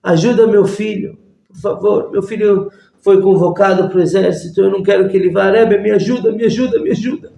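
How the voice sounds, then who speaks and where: A man's voice: sits high, fairly even intonation, a little fast, gravelly, warm tone, highs cut off. A man voicing a desperate father who pleads for help for his son, in a raised, strained voice, recorded in an echoey room. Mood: pleading.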